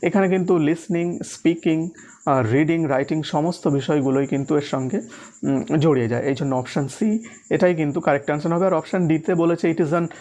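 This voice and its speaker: Bengali-accented male teacher, slow on English. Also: a little high, steady tone, warm tone. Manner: reads English options slowly, explains in Bengali with frequent "uh" fillers. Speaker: exam-prep teacher. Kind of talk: explaining test answers in a recorded lesson.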